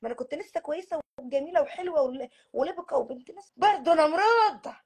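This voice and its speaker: A woman's voice: sits high, expressive, quick pace, darkish tone. A woman playing a middle-aged Egyptian mother who nags and tearfully pleads with her daughter to marry. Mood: scolding. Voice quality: whiny, crying-tinged pleading.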